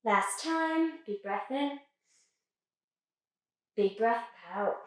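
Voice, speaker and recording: A woman's voice: fairly high pitch, expressive, extremely slow. A woman leading a children's yoga class in a playful, sing-song way, cueing poses and making animal sounds. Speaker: kids' yoga teacher. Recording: echoey room, voice from a distance.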